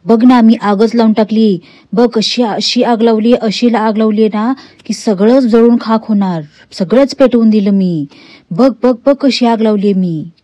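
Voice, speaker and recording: A woman voicing a scheming middle-aged man who shouts and gloats in slow, drawn-out taunts, as part of a serial recap. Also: on the high side, dry recording, close to an everyday voice. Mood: gloating.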